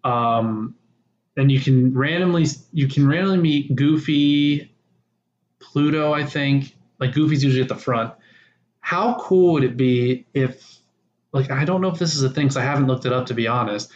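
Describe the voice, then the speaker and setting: A man's voice: medium pitch, normal speed, slight background noise. A man co-hosting a casual podcast chat, rambling and teasing, often breaking off mid-thought. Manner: rambling, self-interrupting, teasing. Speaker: podcast co-host. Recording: roomy, dull lo-fi sound.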